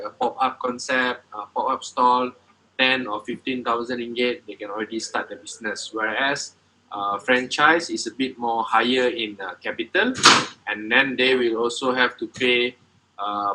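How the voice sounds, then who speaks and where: A man explains his business plans in a bright, forward voice. He pauses often and fills the gaps with "uh" and "um.". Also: medium pitch, rough recording. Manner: hesitant, many filler sounds, halting phrasing. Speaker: coffee business owner presenting. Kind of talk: presentation and Q&A answers.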